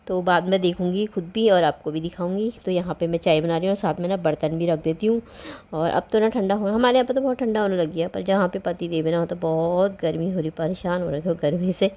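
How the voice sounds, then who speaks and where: A woman's voice: on the low side, warm tone, dull audio. A middle-aged woman narrates her morning housework for her home vlog. She rambles in a chatty, easygoing way and laughs often as she talks. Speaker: vlogger. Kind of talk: casual daily-life vlog narration.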